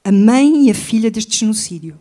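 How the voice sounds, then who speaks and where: A woman's voice: fairly high pitch, lively intonation, normal speed, mellow. A woman with a European Portuguese accent, a writer and journalist speaking as an interview guest, talking intensely and repeating key phrases for emphasis. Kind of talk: impassioned interview talk.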